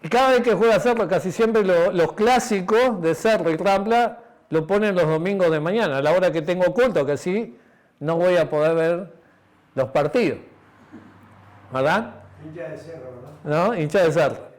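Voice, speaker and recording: Preaching with a Uruguayan Spanish accent, this man recounts a personal story in his sermon, acting out the dialogue and often tacking on tag questions. His high-sitting voice moves at a moderate pace with frequent pauses, turning quiet and intimate toward the close.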